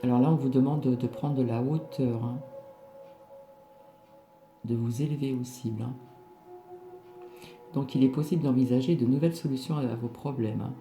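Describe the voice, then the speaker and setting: A man giving a casual spiritual card reading to viewers, speaking haltingly and often repeating himself. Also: mid-range voice, fairly even intonation, mellow. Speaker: oracle card reader. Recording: roomy echo, music behind. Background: music.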